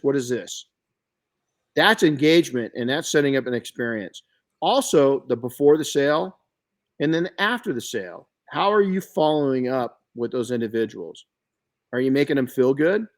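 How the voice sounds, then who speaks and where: Animated older man telling stories. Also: mid-range voice. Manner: animated storyteller with many restarts. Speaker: podcast host. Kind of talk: casual podcast chat.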